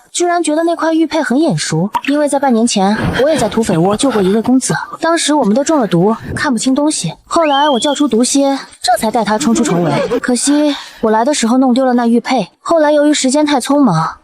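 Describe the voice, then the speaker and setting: A young woman narrating a first-person story in an animated drama, brisk and lively. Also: high voice.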